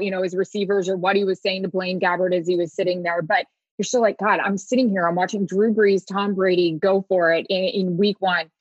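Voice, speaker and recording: A woman's voice: mid-range voice, dry recording. A bubbly, joking woman from Florida, a sideline reporter, chats as a quiz guest in a mid-range voice. The audio is dry and a little dull. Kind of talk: casual interview chat.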